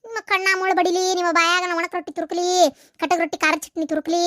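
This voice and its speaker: A woman's voice: very high voice, little pitch movement, very fast, pushed and bright. A woman voicing a short-tempered village mother-in-law in a cartoon, scolding and cursing in a North Karnataka accent. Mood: indignant. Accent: North Karnataka Kannada. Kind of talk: cartoon voice acting.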